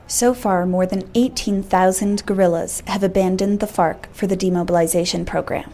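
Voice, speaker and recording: Mellow-voiced woman radio reporter. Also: medium pitch, steady tone, normal speed. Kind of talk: scripted radio narration.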